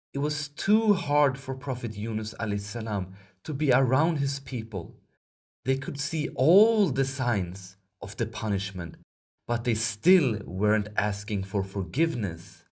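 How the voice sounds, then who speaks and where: Reading from a children's storybook, this man speaks at a medium pitch. He narrates in a deliberate, expressive way, like a storyteller.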